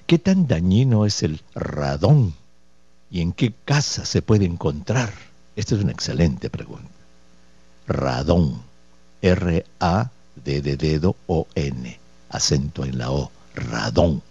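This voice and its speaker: Dark-voiced male radio doctor. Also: sits low, big pitch swings, a little slow, breathy edge. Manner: explanatory, rhetorical questions and tag checks; folksy diminutives and patient repetition. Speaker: radio doctor host answering listener questions. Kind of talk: radio health call-in advice. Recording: dull, dry lo-fi radio studio audio.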